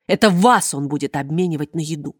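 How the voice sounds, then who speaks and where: A woman's voice: low-pitched, a little fast, dry recording, studio quality. A woman reading an audiobook, voicing a stern, manipulative female official with a formal, commanding voice. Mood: persuasive.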